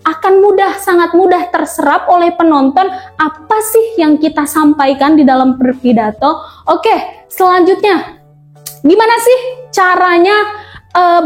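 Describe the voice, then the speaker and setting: A woman's voice: very high voice, moderate pace, soft background music. A young woman presenting a tutorial on speech delivery, chatty and friendly, with frequent fillers as she explains.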